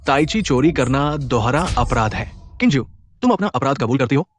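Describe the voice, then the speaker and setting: A man's voice: mid-range voice, animated, moderate pace, slight background noise, natural voice. A man voicing a sneering clan schemer. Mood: scheming. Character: scheming male rival of a martial clan. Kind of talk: Hindi-dubbed short drama.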